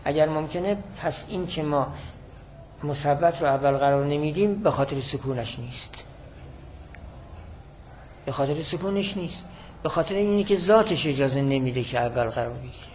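Man teaching a measured classroom lecture. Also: fairly high pitch, a little mellow, a little hiss or hum, low-quality recording. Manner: measured, explanatory, repeats key points.

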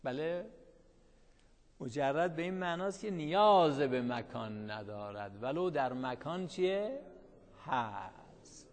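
A man's voice: a little high, in a large hall. A man teaching a class who reads a line of the text, then explains it in everyday speech, often asking the students questions and answering them himself. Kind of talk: classroom lecture.

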